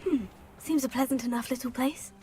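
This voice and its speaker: An actress voicing a composed, earnest young student witch in a video game, speaking in a measured, polite way. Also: high voice, warm tone, faint music behind, lightly acted. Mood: focused.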